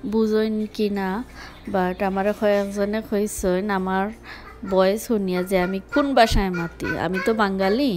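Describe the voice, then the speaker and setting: A young woman from Sylhet with a Sylheti Bengali accent, talking frankly to her viewers in a casual vlog, mixing in English words. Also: medium pitch. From Sylhet, Bangladesh. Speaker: vlogger. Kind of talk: casual talk to camera.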